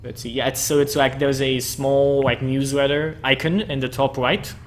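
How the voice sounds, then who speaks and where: A man's voice: mid-range voice, fairly even intonation, slight background noise. A man hosting a tabletop game stream, chatting casually with his players and joking and laughing as he talks. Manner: laughing, joking, quick asides. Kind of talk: casual chat among players.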